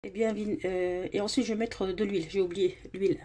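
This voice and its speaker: A woman, hoarse from a sore throat, talks casually and a little hesitantly through a step-by-step cooking tutorial. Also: mid-range voice, fairly even intonation, a little fast. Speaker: home cooking vlogger. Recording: clearly noisy home recording with clicks.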